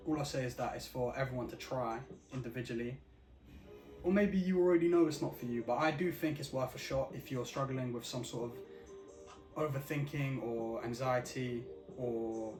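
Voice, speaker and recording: A man talks in a slow, deliberate and earnest way, and he stresses his words clearly. His voice sits in the middle range. It rings in an echoey room, and music plays clearly in the background. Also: medium pitch, darkish tone. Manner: earnest, repeats "you know what I mean"; slow, deliberate, enunciated delivery. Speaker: vlogger. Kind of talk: casual reflective monologue. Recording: roomy echo with music behind.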